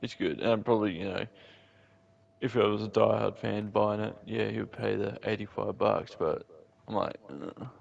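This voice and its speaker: A man speaks in a low, creaky voice. He is laid-back and matey, in casual gamer chat. The sound is dull and lo-fi, like online voice chat. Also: level tone, moderate pace. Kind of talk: casual chat about gaming.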